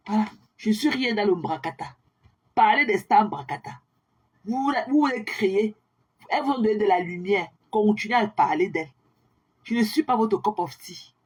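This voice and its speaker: A woman's voice: medium pitch, expressive, moderate pace, pauses often, a little mellow, breathy edge. A young woman livestreaming a scornful, taunting rant at her critics, slipping in English phrases. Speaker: social media livestreamer. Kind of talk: ranting monologue to viewers.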